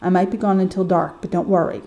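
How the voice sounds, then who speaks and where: A woman voicing a stern middle-aged father giving firm, curt instructions in a spoken story, barely changing her own mellow voice. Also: on the low side, steady tone, quick pace, highs cut off, close to an everyday voice.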